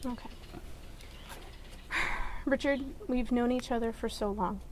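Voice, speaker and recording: A woman, a bride, saying her wedding vows in short, measured phrases, a little away from the microphone. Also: on the high side, darkish tone. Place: live wedding ceremony, some distance from mic. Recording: noisy ambient recording, distant mic.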